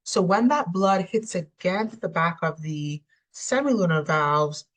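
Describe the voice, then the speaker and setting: A woman's voice: fairly low pitch, a little slow, rough recording. A woman lecturing on anatomy, explaining steadily with frequent ums. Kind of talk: recorded lecture.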